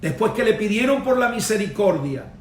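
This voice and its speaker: High-voiced preaching man in an echoey room. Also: sing-song, normal speed, recorded from a distance, slight background noise. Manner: emphatic preaching, punctuated with amen and hallelujah. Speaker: pastor. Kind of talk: sermon.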